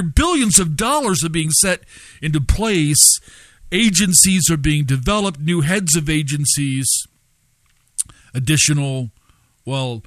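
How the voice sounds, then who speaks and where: A man with a somewhat high voice delivers a sermon, reading news aloud and telling stories. He halts often with fillers and leans hard on key words. The sound is dry and close. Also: a bit bright, no echo. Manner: storytelling, halting with many fillers, stressing words.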